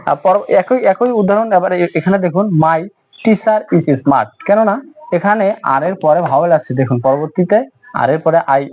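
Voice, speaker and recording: Slow, repetitive male English teacher. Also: a little high, a little mellow, highs cut off. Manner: explains slowly, repeats words, many fillers; reads English examples very slowly. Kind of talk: spoken English lesson.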